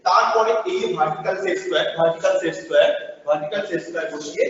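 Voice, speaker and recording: Male teacher, cathedral-like echo, empty hall, far from the mic, muffled sound, higher voice, slow careful explaining. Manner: explains slowly, switching between English and Bengali. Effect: heavy cathedral-like echo from the empty hall. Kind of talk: online class lecture. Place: large empty classroom. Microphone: distant device mic over a video call.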